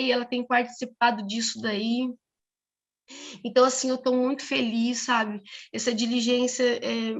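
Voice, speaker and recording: High-voiced Brazilian woman telling a testimony. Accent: Brazilian Portuguese. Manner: animated, acts out quoted voices, repeats words. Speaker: church member giving a testimony. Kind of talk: personal testimony, storytelling.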